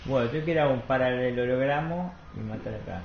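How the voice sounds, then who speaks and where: Excitable Argentine gamer, roomy lo-fi. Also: male voice, medium pitch, normal speed, slight background noise. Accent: Argentine Spanish. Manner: excitable, talks to friends while playing. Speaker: gamer streamer. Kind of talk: casual gameplay chatter. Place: home room. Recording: roomy, dull lo-fi with loud game music.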